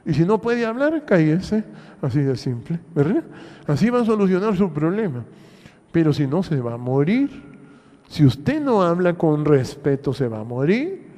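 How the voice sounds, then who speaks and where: A Honduran man preaches a sermon as pastor, slow and deliberate, his somewhat high voice rising and falling widely. His tone is dark and mellow, and he keeps asking the congregation rhetorical questions. A long church reverb hangs behind every phrase. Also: big pitch swings. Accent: Honduran Spanish. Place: church hall.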